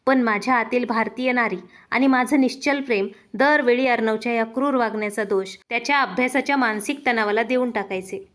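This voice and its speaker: A woman tells a heartfelt first-person story in a steady narrating voice. She speaks earnestly and dwells on the feeling in each line. Her voice sits a little higher than most women's. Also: brisk.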